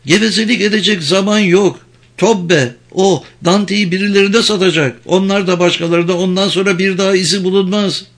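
A man voicing a desperate, hostile young woman captive with a thin, trembling voice, shrill and pleading. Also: fairly even intonation, brisk. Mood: frantic.

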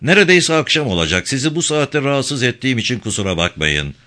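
A man's voice: big pitch swings, bright, forceful tone. Man doing a weary, guarded male detective. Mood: questioning. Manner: low, measured questioning.

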